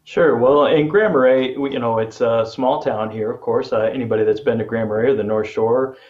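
A man's voice: mid-range voice, steady tone, fairly quick, a little mellow. A man in his thirties, a radio news editor, explaining conversationally from a small studio over a video call. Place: home office studio. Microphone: studio mic on boom. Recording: slightly dull call audio.

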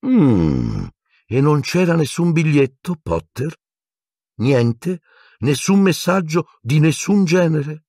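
A man's voice: fairly high pitch, very animated, slow, warm tone, dry recording, clean studio sound, voice pushed up, heavily acted. A man voicing a strict, severe older female professor with a clipped, cool delivery in an audiobook reading. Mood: stern.

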